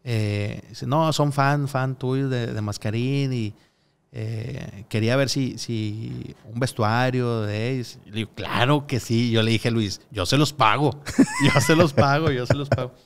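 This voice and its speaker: Smooth-voiced man telling stories. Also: medium pitch, steady tone, a little slow. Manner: rambling storyteller, frequent hesitations and acted-out quotes. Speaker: podcast guest. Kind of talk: casual podcast conversation.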